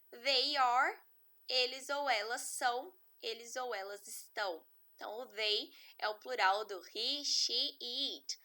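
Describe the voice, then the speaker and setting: A woman's voice: on the high side, pushed and bright. A woman, teaching English grammar in an online lesson, explaining step by step and often checking in with her students. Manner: patient, step-by-step explaining with frequent check-ins.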